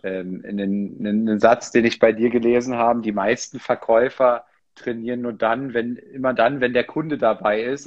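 A man hosting a podcast with a husky, slightly raspy voice. He often hesitates and fills his gaps with "ähm". The recording sounds dull and lo-fi. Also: mid-range voice. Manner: hesitant, many filler sounds. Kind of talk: podcast interview.

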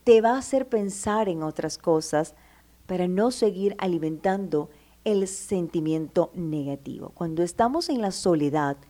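Lowish and dark in tone, this woman's voice is animated and a little slow as she gives motivational advice. She addresses the listener affectionately as "my love," speaks emphatically, and mimics their inner doubts.

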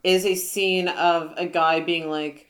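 A woman's voice: fairly low pitch, level tone, slow pace. A woman co-hosting a podcast, talking easily about movies and laughing often as she recounts scenes. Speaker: podcast co-host. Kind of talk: casual movie review chat.

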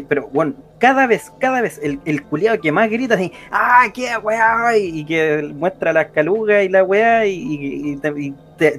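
A Chilean podcast co-host who rambles in slang, his voice sitting slightly high. Faint music plays in the background. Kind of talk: casual chat.

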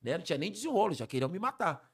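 A man, a funk singer telling a story as a podcast guest, slangy and animated, acting out the voices of the people in it. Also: high voice, very fast, slightly rough. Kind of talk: storytelling in a casual podcast chat.

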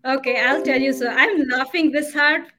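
Bright-voiced animated businesswoman. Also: sits high, moderate pace. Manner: animated, laughs often, acts out her own quotes. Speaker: company CEO, podcast guest. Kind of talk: casual interview chat.

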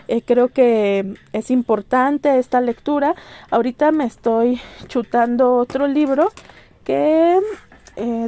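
A woman's voice: a little high, mellow. A woman hosting a podcast, chatting casually about books she recommends, with many fillers and restarts. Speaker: podcast host.

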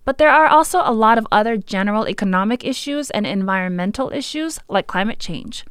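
Casting: female podcast host, clear resonant voice, scripted read in a dry recording. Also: medium pitch, expressive, fairly quick, dry recording. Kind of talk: scripted narration.

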